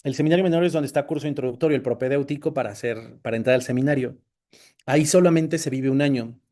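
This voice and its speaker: A man's voice: medium pitch, fast talker, warm tone. A man with a Mexican accent, a priest, giving a personal testimony talk with slides, telling his story in a conversational way and often adding tag questions.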